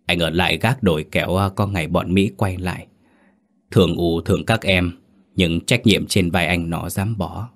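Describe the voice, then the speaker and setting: The ghost of a fallen soldier speaks calmly, as a man reads him in a spoken ghost story. His voice sits very low and unhurried, gentle and resigned to duty. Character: dead male soldier's ghost, dutiful, gentle.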